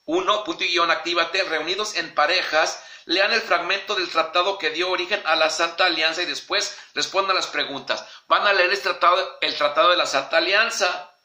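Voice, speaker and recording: Mexican male teacher, dictation pace, bright tense tone, roomy echo. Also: sits high. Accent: Mexican Spanish. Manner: dictates slowly, repeats questions and punctuation. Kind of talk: dictating a history lesson.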